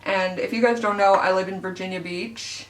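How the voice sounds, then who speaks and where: A woman's voice: medium pitch, steady tone, moderate pace, a little hiss or hum. American woman with whitening trays in, echoey room. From Arkansas, southern United States. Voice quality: speech slightly altered by teeth whitening trays in mouth. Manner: candid, informal, swearing, self-deprecating. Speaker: beauty vlogger. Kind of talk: casual chatty get-ready-with-me vlog. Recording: echoey room, distant microphone.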